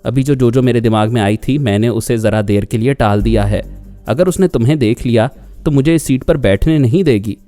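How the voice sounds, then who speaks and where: A man narrating a story in a measured, scripted audiobook style over faint music. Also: mid-range voice, mellow. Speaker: voice artist narrator. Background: faint background music.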